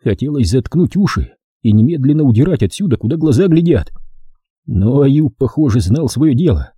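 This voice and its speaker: Husky man narrating a story. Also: medium pitch, moderate pace, no room sound, studio quality. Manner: expressive, storytelling delivery. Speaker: audiobook reader. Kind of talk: scripted narration.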